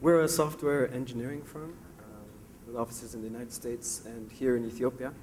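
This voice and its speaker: A managing partner introducing his software firm on a conference panel, speaking fluently like a polished presenter. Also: medium pitch, fairly even intonation, a little fast, a little hiss or hum.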